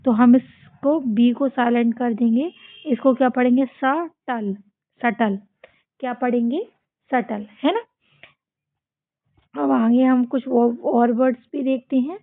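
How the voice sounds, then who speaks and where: Indian woman teaching children slowly, tinny sound. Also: high-pitched, fairly even intonation, dry recording. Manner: slow, drilling repetition with call-and-response questions. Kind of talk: children's phonics lesson. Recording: tinny, phone-like dry sound.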